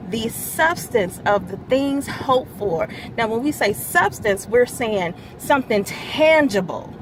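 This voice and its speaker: The woman in charge of a church's media ministry delivers a midweek devotional in a mid-range voice. She leans on key words, grows louder while explaining scripture, and slips light laughter between her remarks, all over a noisy background.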